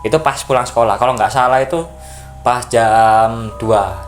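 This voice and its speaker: A man from Java, a podcast guest, casually telling a story in an animated way, acting out voices and sound effects. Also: mid-range voice, moderate pace, soft background music. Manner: animated, acts out voices and sound effects, keeps addressing the listener.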